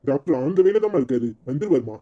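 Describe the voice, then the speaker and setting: Brisk stern cartoon doctor voiced by a man, fast, dark and mellow, Tirunelveli Tamil accent, dull lo-fi sound. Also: on the high side, animated. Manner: brisk, lecturing. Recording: dull lo-fi recording.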